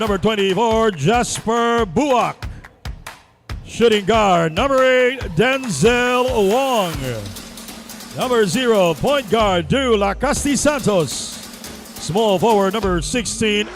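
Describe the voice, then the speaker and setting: A man's voice: sits high, lively intonation, slow, faint music behind. A man announcing team line-ups in an arena like a fight announcer, stretching out names in a showy way. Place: sports arena public address.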